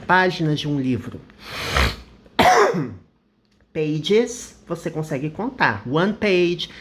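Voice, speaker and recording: Brazilian woman, English teacher, low voice, lively intonation, slow example sentences. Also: a little hiss or hum. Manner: reads example sentences slowly and carefully. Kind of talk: explaining English vocabulary.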